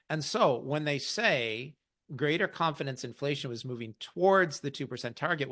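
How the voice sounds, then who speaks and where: A man hosting an investing podcast, explaining central bank news in a wry, conversational way. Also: mid-range voice. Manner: explanatory, wry, lively asides. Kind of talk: conversational market commentary.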